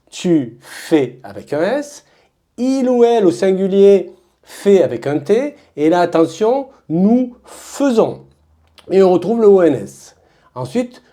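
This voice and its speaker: A woman with a French accent teaching verb conjugations as a drill, saying each form slowly and emphatically and repeating it. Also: lowish voice, warm tone.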